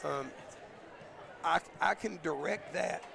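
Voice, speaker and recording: A male basketball coach, talking in a halting, thoughtful way with many fillers, his voice going hoarse, in a postgame interview. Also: fairly high pitch, pushed and bright. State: losing his voice. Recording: crowd noise behind.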